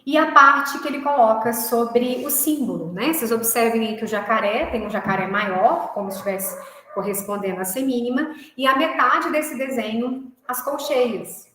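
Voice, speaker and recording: A woman's voice: a little high, normal speed, sharp tone, a little hiss or hum. Woman teacher in a very echoey room. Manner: explanatory, checks in with tag questions. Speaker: music teacher. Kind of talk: recorded online class.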